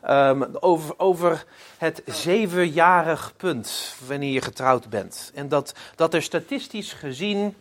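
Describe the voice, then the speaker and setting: A man preaching a sermon, opening with prayer and telling stories in a halting way, often repeating words. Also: fairly high pitch. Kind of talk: sermon with storytelling.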